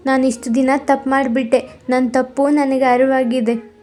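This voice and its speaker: A woman's voice: high-pitched, little pitch movement, moderate pace, a little mellow, natural voice. A woman voicing a remorseful mother who pleads with her daughter for forgiveness in a cartoon story. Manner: pleading, apologetic. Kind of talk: storybook character voice.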